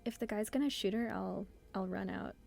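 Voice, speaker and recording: A woman's voice: medium pitch, a little fast, gravelly, a little mellow, faint music behind. A woman playing a tabletop game and chatting casually with the group.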